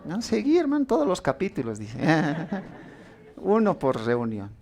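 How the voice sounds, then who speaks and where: A man's voice: on the high side, huge pitch swings, a little slow, a little mellow. A man preaching a sermon, telling stories with acted-out quotes and asking the congregation questions.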